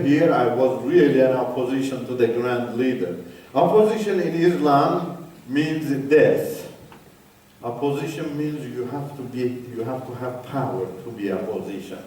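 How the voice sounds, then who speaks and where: An older man from Iran, whose first language is Turkish, gives a personal testimony talk as a guest speaker in an echoey church hall, speaking emphatically in short, halting phrases. His mid-range voice is warm, picked up by a distant mic with a little hiss or hum.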